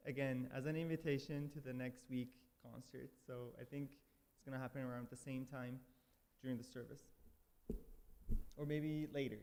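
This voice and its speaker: Speaking at a moderate pace in a medium-pitched, fairly even and slightly mellow voice, an Iranian guest musician gives a casual spoken introduction at a church service. Persian is his first language, and he hesitates often with fillers and restarts in the reverberant sanctuary.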